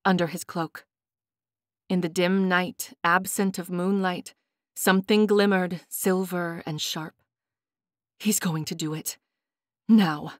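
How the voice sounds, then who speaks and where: A woman narrating a fantasy audiobook in a measured, dramatic storytelling manner. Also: mid-range voice, fairly bright tone, dry recording, studio quality.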